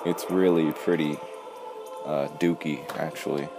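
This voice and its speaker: A man's voice: rumbling low, steady tone, measured pace, music in the background. A man commenting casually on his gameplay, cracking jokey, sarcastic asides. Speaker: let's play gamer.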